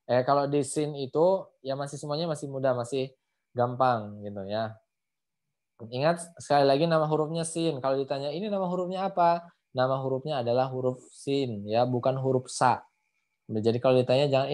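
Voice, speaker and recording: Over a video call, a man with a mid-range, darkish voice teaches Quran letter pronunciation in an online lesson. He is patient, repeating each point and using many tag phrases.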